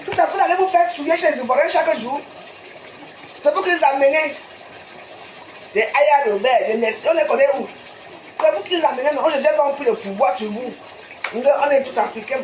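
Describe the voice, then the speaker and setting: A woman with a Cameroonian French accent scolds her live-stream viewers in a high, insistent voice. She lectures with rhetorical questions and a pushy "hein?" at the end of her lines. The sound is roomy and echoey, with a faint hiss of noise behind her. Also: fairly quick, long pauses.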